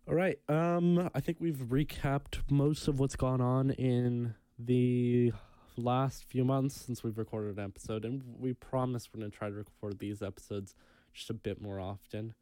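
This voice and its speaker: Young male podcast co-host, warm mellow tone, dry close sound, relaxed with lots of ums. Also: medium pitch, unhurried, clean tone, no room sound. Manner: relaxed, many ums, reads news aloud. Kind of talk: casual podcast chat.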